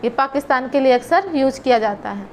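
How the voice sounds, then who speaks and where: A woman's voice: sits high, lively intonation, a little mellow, a little hiss or hum. A woman teaching an exam-prep lesson, reading long lists of words with short explanations in between. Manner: reads word lists slowly, with short explanations.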